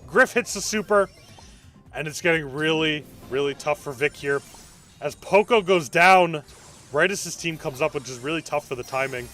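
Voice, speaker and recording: A young man streaming live, giving excited play-by-play commentary on an esports match and answering chat between calls. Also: fairly high pitch, moderate pace, faint music behind.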